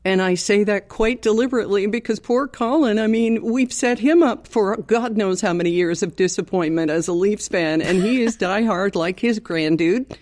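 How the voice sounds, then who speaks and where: A woman's voice: medium pitch, normal speed, hardly any pauses, a little mellow. An older woman with a Canadian accent chats casually as a podcast co-host, recording with a towel over her head in a hotel room. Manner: chatty, laughs easily. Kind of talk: casual chat. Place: hotel room, under a towel with pillows behind the mic.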